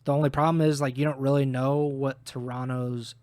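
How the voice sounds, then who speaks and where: A man's voice: medium pitch, flat delivery, fairly quick, a little mellow, no room sound. A man co-hosting a podcast, giving blunt opinions on esports while losing his voice. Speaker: podcast co-host. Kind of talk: casual esports analysis chat.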